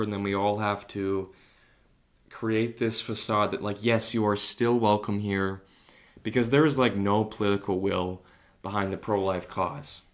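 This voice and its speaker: A young man talking alone on his podcast, in a somewhat low voice. He wanders through his thoughts with lots of fillers and restarts. He stays earnest and grows heated on his points. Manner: rambling and hesitant, many fillers. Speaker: podcast host. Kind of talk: solo podcast monologue.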